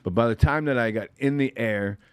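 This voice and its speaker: A man's voice: medium pitch, a little fast, clean tone, no room sound. A middle-aged man from the Boston area telling a long story in casual chat, swearing freely and acting out the voices in it. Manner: profane, laughing, acts out voices in his stories.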